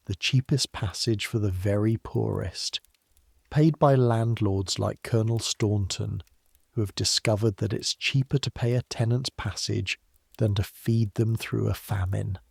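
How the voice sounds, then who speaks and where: A man narrating a history story for sleep in the second person, measured, unhurried and softly grave. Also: on the low side, vocal fry, breathy edge, no echo, studio quality.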